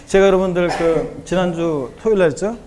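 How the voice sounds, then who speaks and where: A man's voice: high voice, a little fast, a little mellow. A man teaching a tax law exam class, walking through problems, quizzing the students and answering himself, with joking asides. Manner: chatty, joking asides between explanations.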